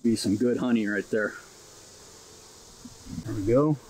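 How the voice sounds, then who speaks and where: A man's voice: fairly low pitch, measured pace, darkish tone, slight background noise, low-quality recording. A man narrating a casual homestead vlog in an easygoing, matter-of-fact way, recorded outdoors by his beehives. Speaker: homesteading vlogger.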